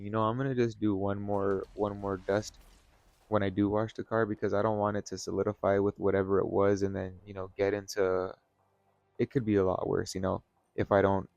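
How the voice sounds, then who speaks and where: A man's voice: low-pitched, creaky, a little mellow, dry recording, dull audio. A tired, burnt-out man talking casually from home in a rambling, laid-back vlog monologue, swearing now and then. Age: adult, has kids and a wife. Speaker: vlogger. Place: at home, sitting in a chair.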